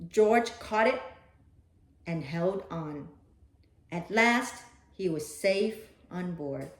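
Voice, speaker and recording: A woman's voice: on the low side, expressive, extremely slow, roomy sound. A woman reading a children's picture book aloud expressively, with dramatic delivery and playful asides to a young listener.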